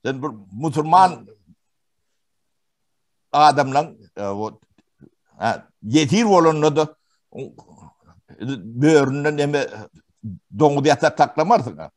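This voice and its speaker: A man from Turkmenistan giving testimony in an interview, talking haltingly with many pauses and fillers. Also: fairly high pitch, expressive. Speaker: witness interviewee.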